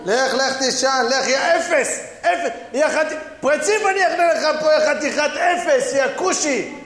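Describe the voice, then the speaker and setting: Very high-voiced man shouting insults. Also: roomy sound, in a large hall, a faint crowd. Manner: hot-tempered, insulting, shouting. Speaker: comedian. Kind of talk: live comedy sketch.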